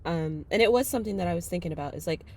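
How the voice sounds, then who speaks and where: A young woman co-hosting a casual book-review podcast, lively and quick to laugh. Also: lowish voice, slight background noise. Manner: animated, laughing often, reads passages aloud. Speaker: podcast co-host.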